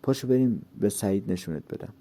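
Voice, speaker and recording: Man voicing a kind, lively middle-aged mother. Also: on the low side. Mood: friendly. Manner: warm and lively.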